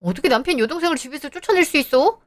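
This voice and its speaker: A woman's voice: high-pitched, animated, racing, pitched above the performer's own voice. A woman voicing a defensive, exasperated young husband in an audio drama.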